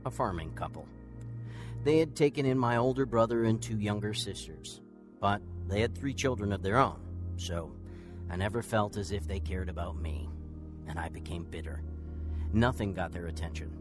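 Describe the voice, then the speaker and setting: A man narrates and stars in a scripted radio drama, speaking in first person as someone earnestly and reflectively recalling his bitter, lonely youth. His natural, lowish voice moves at a moderate pace over background music.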